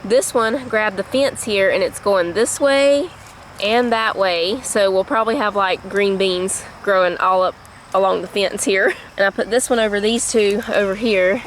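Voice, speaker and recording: A woman's voice: mid-range voice, moderate pace, slight background noise. A woman with a Southern US accent, chatting homily through her garden and kitchen in a casual vlog, laughing easily as she goes. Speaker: home cook and gardener, channel host.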